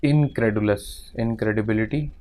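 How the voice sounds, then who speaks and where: A man's voice: on the low side, moderate pace, a little mellow. A man teaching English vocabulary in Hindi, working through a vocabulary exercise aloud and murmuring word lists half to himself.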